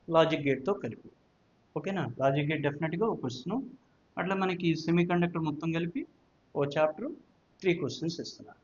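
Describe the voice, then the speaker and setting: A male physics teacher with a Telugu accent talks students through exam prep, mixing Telugu and English and repeating points with check questions. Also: on the high side. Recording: dull, lo-fi audio.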